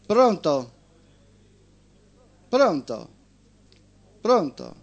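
A radio host who chats easily, then reads a story aloud on a call-in show from a studio. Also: male voice, high-pitched, big pitch swings, extremely slow, dry recording, highs cut off. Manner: easygoing, chatty lead-ins before reading.

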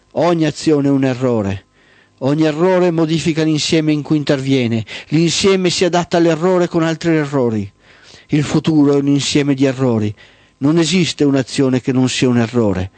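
A man telling a dark mythic story in a solemn, incantatory way, with sudden high cries on repeated words. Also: dry recording. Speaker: narrator.

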